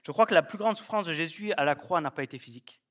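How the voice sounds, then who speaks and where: Man preaching a sermon, fairly high voice, emphatic, repeats key lines. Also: expressive, fast talker, a bit bright. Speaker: pastor. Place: church service.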